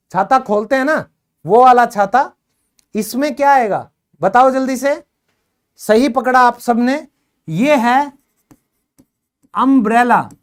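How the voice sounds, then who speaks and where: A woman teaching English in a video lesson, quizzing her learners and urging quick answers, repeating each word slowly for drill. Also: a little high. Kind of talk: classroom-style video lesson.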